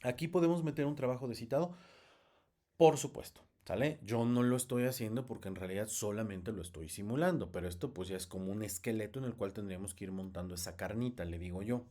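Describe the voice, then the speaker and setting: A man's voice: lowish voice, fast, warm tone. A man teaching research methods in a recorded lecture, explaining step by step with frequent fillers and restarts.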